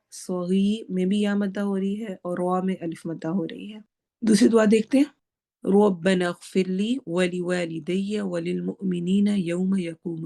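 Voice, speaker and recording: A woman teaching a lesson on Quranic supplications, explaining each word and reciting verses slowly and drawn out. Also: fairly low pitch, gravelly, darkish tone. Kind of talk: lesson on Quranic duas with tajweed.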